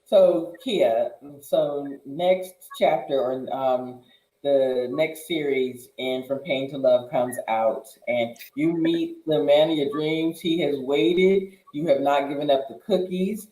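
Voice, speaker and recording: Mellow-voiced host asking hypotheticals. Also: mid-range voice, slow, echoey room, low-quality recording. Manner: asks leading hypothetical questions. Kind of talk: casual chat, hosting a panel.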